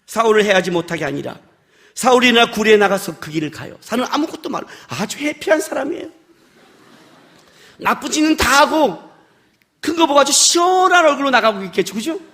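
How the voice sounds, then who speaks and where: Speaking in a very high voice, a male pastor delivers a sermon at a church worship service. His style is lively and conversational, peppered with rhetorical questions to the congregation, and he breaks into sudden loud bursts when acting out scolding lines.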